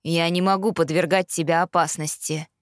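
A stern, protective police father, as a woman narrator puts him on. The voice is lowered, and he speaks firmly with a tired weight. The sound is dry and close. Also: fairly even intonation, moderate pace, no room sound, natural voice. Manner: firm and weary.

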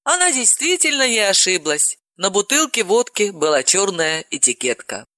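A woman narrating an audiobook with an expressive reading. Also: mid-range voice, moderate pace, no echo, studio quality. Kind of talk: scripted narration.

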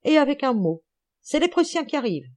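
A woman reading an audiobook, voicing an elderly, gouty male amateur detective who is excited, teasing and lecturing. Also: high voice, fairly quick, pitched above the performer's own voice. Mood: jubilant.

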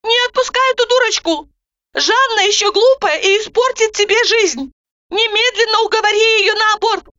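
A woman voicing an excitable, bossy woman doctor who barks emphatic orders, on a dull lo-fi recording. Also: very high-pitched, normal speed, no echo, pitched above the performer's own voice. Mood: alarmed.

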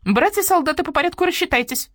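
A woman voicing a small male starling policeman who repeats others' words in a high, monotonous voice. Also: quick pace. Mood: droning.

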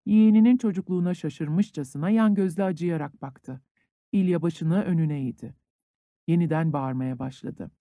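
A male audiobook narrator reading classic literature in a calm, even way. His voice is mellow and dark, and it sounds dry and close to the mic, with no room around it. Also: on the high side, normal speed, dry recording.

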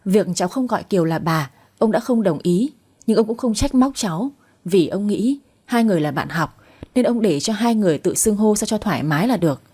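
A woman voicing a stern old grandfather who calmly questions and then scolds. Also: medium pitch, brisk, breathy edge. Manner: firm, scolding.

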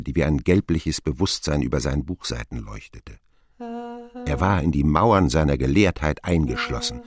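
In a radio drama, an actor plays a grown man wryly narrating memories of his boyhood in an expressive, sardonic way. His voice rumbles low on a dry, clean studio recording.

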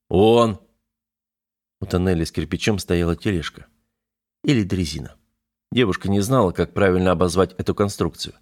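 Male audiobook narrator, measured and steady, lowish voice. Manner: even, measured reading.

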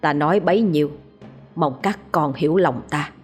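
A woman's voice: deep voice, lively intonation, normal speed. A woman voicing a stern elderly male exorcist who speaks solemnly and admonishes a spirit, over faint music. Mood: stern, gentle.

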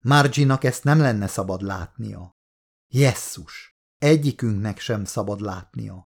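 A man reading a horror novel aloud as an audiobook narrator, steady and measured. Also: lowish voice, gravelly.

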